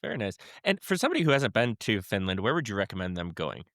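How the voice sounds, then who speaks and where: A man's voice: lowish voice, sing-song, fast, a bit bright, no echo, studio quality. A man co-hosting a podcast, asking questions with brief upbeat reactions. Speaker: podcast co-host. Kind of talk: casual interview hosting.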